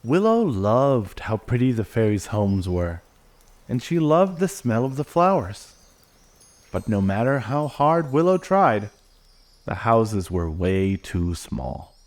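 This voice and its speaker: Gentle man reading a storybook. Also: on the low side, takes it slowly. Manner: gentle expressive read-aloud. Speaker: narrator.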